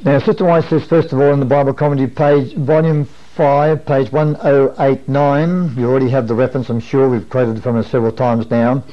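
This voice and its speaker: A man in his fifties giving an earnest, measured podium speech as a preacher, teaching with rhetorical questions. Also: mid-range voice, fairly even intonation. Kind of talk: sermon as podium speech, teaching at a camp meeting. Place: small wood-panelled room, standing at a desk. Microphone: lapel or pocket-clipped microphone. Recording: muffled lo-fi 1980s videotape.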